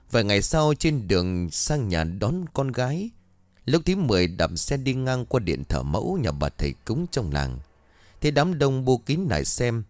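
Man, ghost story narrator, dramatic reading, lively intonation, dry close sound. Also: sits low, no room sound.

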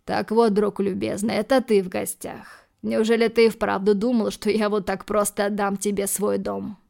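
A woman voicing a cold, menacing male hero who threatens calmly in low, clipped lines, for an audiobook. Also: normal speed, creaky. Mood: mocking.

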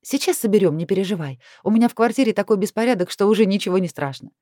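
A woman voicing a feisty, sharp-tongued young heroine who speaks sarcastically. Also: medium pitch, expressive, very fast, no room sound, studio quality, close to an everyday voice. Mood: playful. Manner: sarcastic, emphatic.

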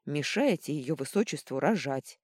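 A flustered male court healer exclaims in bewildered bursts, as a woman puts him on. His voice leaps around in pitch while staying low and warm. It is recorded close and dry. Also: moderate pace, husky, no echo, heavily acted. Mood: agitated. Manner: excited, exclaiming.

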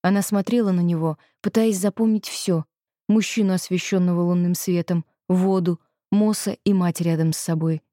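A woman narrating a novel in calm, measured scripted narration. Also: fairly low pitch, no room sound, clean studio sound. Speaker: audiobook narrator.

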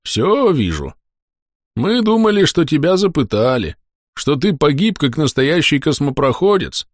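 A man voicing a stern army corporal in an audiobook, his voice raised well above his own and lively in pitch. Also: unhurried, no echo, clean studio sound. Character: stern male corporal, squad leader. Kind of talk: audiobook character voice.

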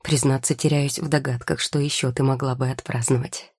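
A sly, mocking young man, a rival potion-maker who keeps pressing with dry questions, as a woman reads him in an audiobook. The voice sits low and dark with a husky edge. It is close and dry, with no room around it. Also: steady tone, brisk, dry recording, heavily acted. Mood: teasing. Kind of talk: audiobook character voice.

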